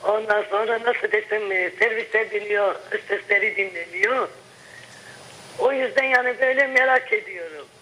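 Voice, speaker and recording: A woman's voice: mid-range voice, normal speed, sharp tone, slight background noise. An older woman calling in over a telephone line, talking hesitantly, repeating herself and searching for words. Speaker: caller. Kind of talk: call-in question to a TV program.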